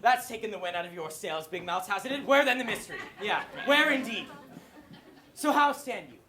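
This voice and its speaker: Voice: mid-range voice, expressive, normal speed, crowd noise, lightly acted. A performer playing a brash, wry music hall chairman, declaiming grandly and teasing the audience in theatrical patter, on a live stage recording. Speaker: master of ceremonies in a stage musical.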